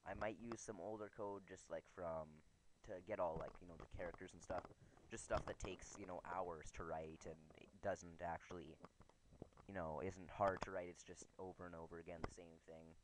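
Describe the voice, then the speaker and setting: A man's voice: low-pitched, fairly even intonation, normal speed. A young man giving a casual, unscripted update in a meandering way, recorded using headphones as a microphone. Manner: casual, loose, meandering delivery. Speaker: programmer giving a project update. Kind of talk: unscripted rambling vlog update. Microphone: headphones used as a microphone. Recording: noisy, clicky headphones-as-microphone sound.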